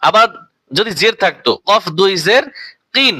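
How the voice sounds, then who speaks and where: A man with a high, bright voice teaches Quran reading at an unhurried pace. He spells out each letter and vowel mark, then draws the whole word out in a long chant. He repeats his main points as questions to the learner, recorded close and dry. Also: no echo, low-quality recording. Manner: drawn-out sung recitation of each word.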